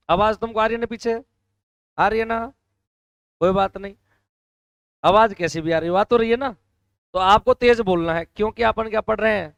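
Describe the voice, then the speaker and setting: A male teacher with a hoarse throat, lecturing a classroom and loudly quizzing the students to answer together. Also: high-pitched, no room sound. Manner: loud call-and-response questioning of students.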